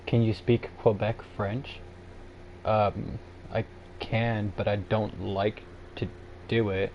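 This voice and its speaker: A Canadian man answers viewers on a casual livestream, rambling with plenty of fillers and restarts. His voice is lowish and level, and he speaks slowly, with lo-fi sound and slight background noise.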